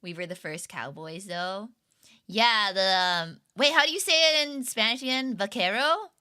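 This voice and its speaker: A woman's voice: mid-range voice, animated, normal speed, bright, forceful tone, clean tone. A young woman streamer chatting casually with her viewers, rambling and giggling with lots of fillers. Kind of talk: casual livestream chat with viewers.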